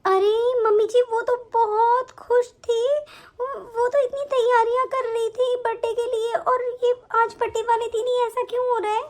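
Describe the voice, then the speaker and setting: A woman's voice: extremely high pitch, level tone, normal speed. A woman doing a soothing elder daughter-in-law. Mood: reassuring. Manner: soothing, reassuring. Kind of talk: animated story voice acting.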